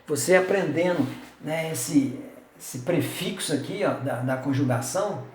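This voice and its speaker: A man's voice: on the high side, unhurried, darkish tone, slight background noise. A man giving a casual video lesson on an old native language, talking informally and repeating words as a drill. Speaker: Tupi language teacher. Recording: echoey room.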